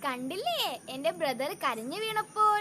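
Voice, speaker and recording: High, lively Kerala woman teacher. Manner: slow, sing-song questions to children, switching languages. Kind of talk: online class for first graders. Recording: loud background noise.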